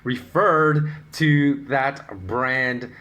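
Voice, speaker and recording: A middle-aged man hosting a solo podcast, explaining his views in an animated, opinionated way with rhetorical questions. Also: medium pitch, very slow. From United States. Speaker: podcast host.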